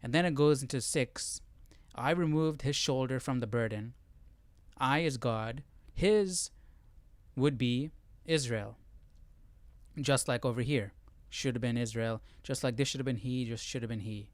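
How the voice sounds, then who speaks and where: At a measured pace and medium pitch, with no room sound, a man guides a casual livestreamed Bible study. He reads out passages and muses aloud in an informal way as he moves through them step by step.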